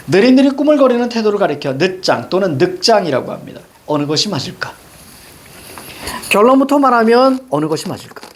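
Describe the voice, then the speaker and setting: Male teacher, husky and high-pitched, lively lecturing style that keeps quizzing the class. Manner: animated, asks the class questions constantly. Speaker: Korean language teacher.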